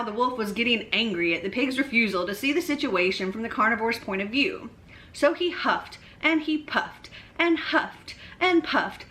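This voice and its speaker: Telling a bedtime story, this storyteller uses expressive, deliberately emphatic phrasing in a fairly high voice with a sharp tone.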